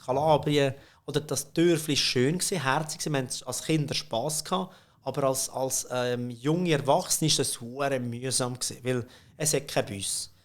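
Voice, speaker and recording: A company CEO guesting on a podcast, this middle-aged man with a Swiss German accent shares stories in relaxed conversation. His medium-pitched voice keeps a fairly even intonation at normal speed, and he laughs often, peppering his talk with fillers and restarts.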